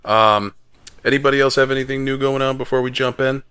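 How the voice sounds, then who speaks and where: A man's voice: medium pitch, steady tone, a little fast, bright, forceful tone, smooth, no echo, studio quality. A man hosting a podcast, chatting in an upbeat, joking way. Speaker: podcast host. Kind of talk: casual chat.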